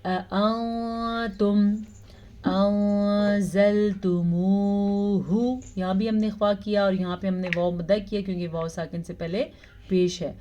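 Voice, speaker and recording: A woman teaching Quran recitation, explaining pronunciation rules and reciting verses very slowly with drawn-out sounds. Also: fairly low pitch, level tone, mellow, muffled recording. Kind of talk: tajweed lesson with slow recitation.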